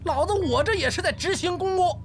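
An actor playing a swaggering, bullying local constable in a period TV drama. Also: male voice, extremely high pitch, fairly quick, a little hiss or hum. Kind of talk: TV drama acting.

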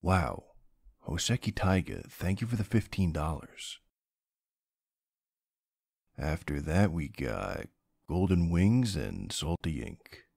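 A man's voice: sits low, very animated, slow pace, vocal fry, pauses often, a little mellow, no room sound, studio quality, heavily acted. A man playing a young streamer boyfriend in a role-play, chatting casually in a playful, teasing, easily flustered and affectionate way. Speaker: roleplay voice actor.

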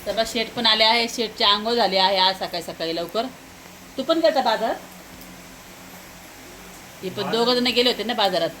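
A young woman from Maharashtra, a mother talking in a casual family vlog, animated, often repeating words in quick calls. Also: a little high, slight background noise. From Maharashtra, India. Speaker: vlogger and mother.

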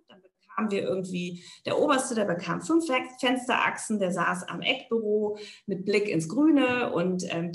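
A woman's voice: fairly low pitch, vocal fry, fairly bright tone, echoey room. A woman architect giving a conference keynote over a video call, talking in a thoughtful, loosely structured way with frequent "ähm" and checking "ja?".

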